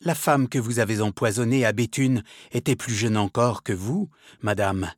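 A man's voice: mid-range voice, normal speed, no room sound, studio quality, lightly acted. A man voicing a troubled, earnest young musketeer in a storybook reading.

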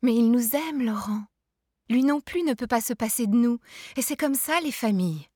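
A woman reading aloud as a patient, gentle mother soothing her child, her voice soft and dropping to whispers. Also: on the high side, lively intonation, moderate pace, no room sound, clean studio sound, pitched above the performer's own voice. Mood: tender.

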